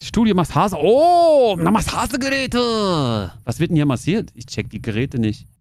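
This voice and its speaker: A woman streaming a simulator game, chatting excitedly and joking with her viewers. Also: a bass voice. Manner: excitable, jokey, talks to viewers. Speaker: gaming streamer. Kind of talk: casual gameplay commentary.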